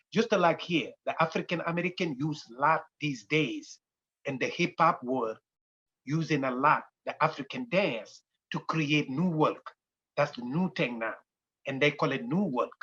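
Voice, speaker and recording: Husky Senegalese man in his sixties. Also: a little high, a bit bright. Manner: unhurried, halting, with many fillers and loose grammar. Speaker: dance company founder and director. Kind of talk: personal interview storytelling. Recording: dull lo-fi recording.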